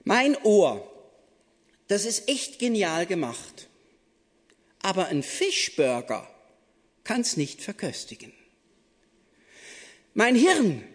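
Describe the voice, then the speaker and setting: A preacher giving a devotional sermon, playful, swinging between excited exclaims and hushed, soft asides. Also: medium pitch, big-room sound.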